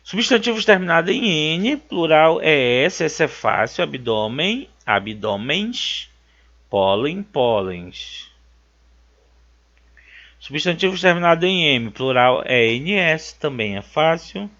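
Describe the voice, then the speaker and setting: A man's voice: fairly high pitch, very animated, takes it slowly, a bit bright. A man from Brazil teaching a grammar lesson for an exam, emphatic and checking in with "certo?" as he repeats key words. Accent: Brazilian Portuguese. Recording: dull lo-fi sound.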